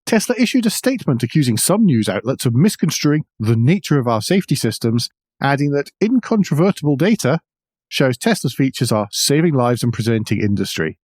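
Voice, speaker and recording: Brisk and sing-song, a man with a mid-range, darkish, husky voice co-hosts a motoring news podcast in studio quality with no room sound. He reads out car news and also drops wry, conversational asides.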